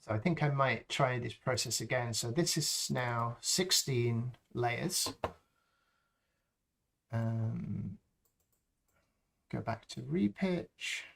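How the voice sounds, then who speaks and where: Slow, gravelly man thinking aloud. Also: mid-range voice, background noise. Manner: slow, thinking aloud as he works, with frequent ums. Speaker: live stream host demonstrating sound design. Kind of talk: unscripted tutorial walkthrough.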